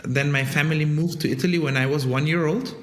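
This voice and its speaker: Man, interview guest, reflective and unhurried with fillers, roomy reverberant sound. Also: on the high side, fairly even intonation, a bit bright. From Bulgaria. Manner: thoughtful, frequent ums, some restarts. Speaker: guest, conductor and startup co-founder. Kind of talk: conversational interview. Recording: roomy echo.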